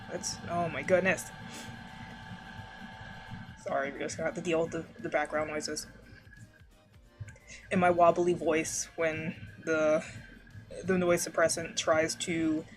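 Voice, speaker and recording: A livestreamer chatting casually while drawing, rambling with lots of fillers and restarts, the voice slightly warbled by noise suppression on a desk mic. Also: medium pitch. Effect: warbly noise-suppression artifacts.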